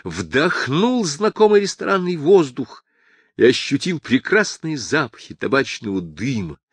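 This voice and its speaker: Male audiobook reader, expressive, lively pitch, dry close recording. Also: measured pace, slightly rough, dry recording. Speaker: audiobook narrator. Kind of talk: expressive literary narration.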